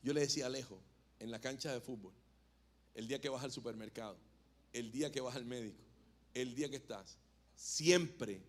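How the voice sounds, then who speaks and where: A man with a fairly high-pitched voice delivers a sermon in a church. He speaks conversationally, joking with the congregation and asking them questions. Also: a little hiss or hum. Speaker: pastor. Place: church hall.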